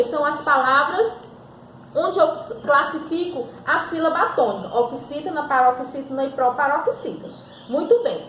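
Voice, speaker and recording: Recorded in a room with echo, a woman teacher with a Brazilian Portuguese accent walks through grammar, answering questions she poses herself and lengthening example words. She speaks in a high register, and there's a slight hiss or hum.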